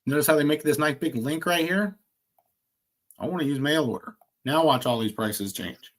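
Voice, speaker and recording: A man demonstrating insurance quoting software on a screen share, talking in an energetic, salesy way with quick asides. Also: a little high. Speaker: insurance agent trainer.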